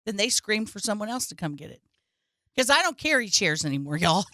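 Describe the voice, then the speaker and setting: A woman's voice: mid-range voice, brisk, no room sound, studio quality. A woman, telling comic stories on a podcast and acting out quotes in goofy voices. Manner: animated storyteller, acts out quotes with goofy voices. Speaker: podcast guest and comedian. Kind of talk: casual comedic chat.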